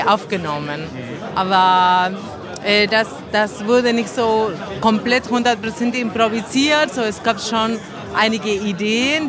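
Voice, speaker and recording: A woman from Argentina, a composer and singer, answering interview questions in a thoughtful way, pausing to search for words, with grammar. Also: fairly high pitch. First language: Spanish.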